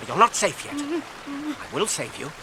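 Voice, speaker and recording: An actor playing the young hobbit Frodo in a radio drama, gentle and loyal, speaking in a soft, earnest, coaxing way. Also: male voice, very high voice, wildly swooping pitch, measured pace, background noise, heavily acted.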